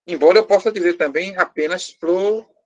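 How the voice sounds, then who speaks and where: A man's voice: sits high, brisk, darkish tone, muffled recording. A man with a Brazilian Portuguese accent teaching a live class, explaining step by step, quizzing his students and joking with them. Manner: lightly teasing, joking with the class. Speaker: language teacher.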